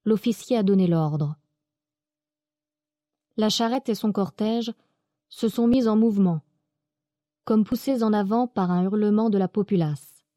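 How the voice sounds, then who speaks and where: A woman reading a classic novel aloud in calm, even first-person narration. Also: medium pitch, unhurried, pauses often, no room sound, clean studio sound.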